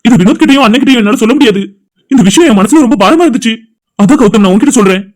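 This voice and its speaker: Actor voicing a heartbroken young man, cartoon, rapid pleading delivery. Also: medium pitch, expressive, darkish tone, natural voice. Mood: distressed. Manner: pleading, emotional storytelling. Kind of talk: cartoon voice acting.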